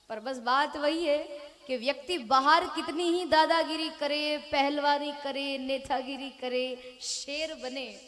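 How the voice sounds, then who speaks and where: A woman's voice: high-pitched, a bit bright. A woman telling a devotional story to a live audience, joking with listeners and acting out quoted lines in a raised voice. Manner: addresses audience directly, jokes and asks for raised hands. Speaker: religious storyteller.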